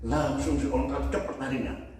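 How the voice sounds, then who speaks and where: An older man preaching a sermon as pastor, telling a humorous story with animated delivery, recorded in a church hall from far off. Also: mid-range voice, normal speed, a little hiss or hum.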